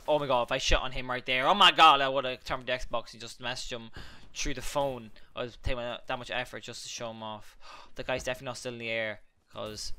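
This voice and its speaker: A young man hosting a gaming channel, rambling and excitable as he commentates live gameplay and swears at opponents. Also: medium pitch, clean tone.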